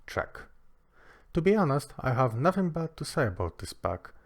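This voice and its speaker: A man's voice: on the high side, very animated, normal speed. A man giving a casual product review, with a dry, joking manner.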